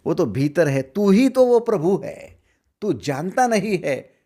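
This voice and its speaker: A middle-aged man giving a spiritual discourse as a teacher, asking rhetorical questions and swinging between loud emphasis and hushed asides. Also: high-pitched, very animated, a little slow.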